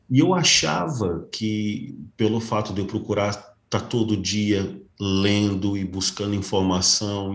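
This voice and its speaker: Deep-voiced man, echoey call. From Brazil. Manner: earnest, polite storytelling. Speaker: guest, private security guard. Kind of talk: casual interview.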